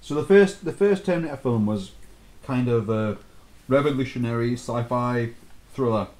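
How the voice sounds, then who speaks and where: A man's voice: mid-range voice, moderate pace, a little mellow. A man, tipsy on beer, chatting casually and crudely as co-host of a film review, informal and often seeking agreement.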